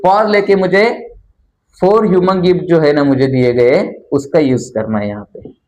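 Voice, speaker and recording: A man with a high voice teaches a room full of students. He talks in a chatty, familiar way and keeps quizzing the class so they finish his points. The classroom is bare and echoey. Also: measured pace, darkish tone. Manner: chatty, calls listeners "yaar". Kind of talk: classroom lecture.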